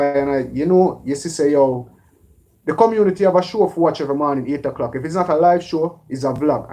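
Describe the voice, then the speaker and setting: A Jamaican man hosting a casual live stream, giving relaxed shout-outs to viewers by name. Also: a little high. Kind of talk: live stream chat, reading viewer names.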